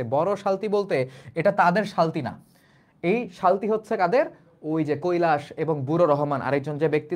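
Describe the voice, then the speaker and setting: Man teaching in a Bangladeshi accent. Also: fairly high pitch. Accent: Bangladeshi Bengali. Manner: repetitive, restates lines in plain colloquial words, asks rhetorical questions. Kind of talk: explanatory class lecture.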